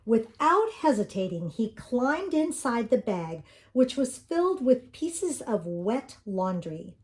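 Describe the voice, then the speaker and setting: Slow, mellow grandmotherly woman storyteller. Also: fairly high pitch, big pitch swings. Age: older. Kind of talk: children's picture book read-aloud.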